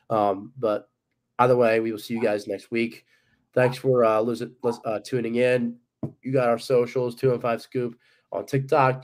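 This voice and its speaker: A man co-hosting a sports podcast, his voice audibly worn from being sick. He talks in a loose, agreeable way and leans on fillers. His pitch sits in a middle range. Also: darkish tone. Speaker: podcast co-host. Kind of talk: casual sports podcast chat.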